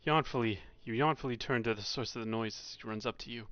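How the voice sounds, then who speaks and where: A man's voice: lowish voice, fast, no room sound, lo-fi sound. A man live-streaming, narrating a visual novel in second person between chatty asides. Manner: lively, laughs at his own slips.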